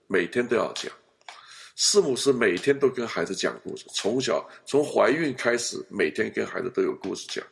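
Male pastor, animated storyteller with a gravelly edge; counseling talk. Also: on the low side, normal speed. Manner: animated storyteller, acts out family scenes.

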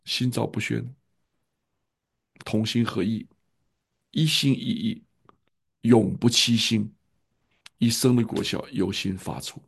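A male pastor tells a story in sermon style, earnest and repeating key phrases. His voice is gravelly, with a husky edge. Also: lowish voice, slow pace, pauses often.

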